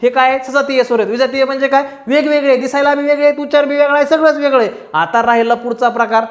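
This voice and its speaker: A man's voice: very high voice, fairly even intonation, quick pace. A male teacher giving a grammar lesson for exam students, repeating terms and asking the class questions. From Maharashtra, India. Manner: repetitive, drilling, questions to students.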